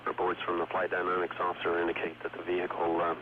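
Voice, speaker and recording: Deep-voiced man calling status over radio. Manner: measured, steady status calls. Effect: crackly radio loop transmission. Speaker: mission control commentator. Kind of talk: live launch commentary. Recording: muffled archival radio audio with loud music.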